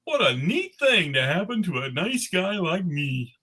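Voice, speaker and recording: A man voicing a cheerful, naive snowman who has come to life, with a raspy voice and innocent, exclaiming delivery, in a live cartoon script reading. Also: high voice, big pitch swings, measured pace, sharp tone, exaggerated voice. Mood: amazed, delighted. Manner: wide-eyed, exclaiming, innocent.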